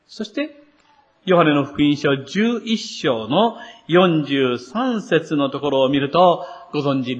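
A man preaching a sermon to his congregation in an earnest, expressive way, building to emphatic passages. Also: fairly high pitch, highs cut off. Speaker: pastor.

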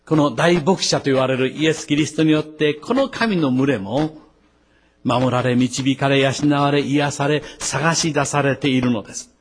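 A man, a pastor, preaching a sermon, lifting his voice sharply on key words and dropping into quick asides. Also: mid-range voice, husky.

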